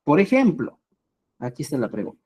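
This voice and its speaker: A woman teaching a live online language class, explaining slowly and repeating herself, with a constant "¿ya?" to check her students follow. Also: deep voice, sing-song, warm tone, breathy edge. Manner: slow, repetitive explanations with rising emphasis.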